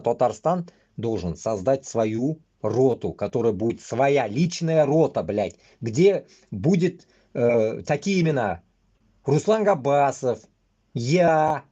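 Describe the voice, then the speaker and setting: A man rambles on a livestream, swearing constantly and bluntly in halting, choppy phrases. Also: medium pitch, dark tone, lo-fi sound. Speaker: livestream host. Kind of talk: casual rambling live commentary.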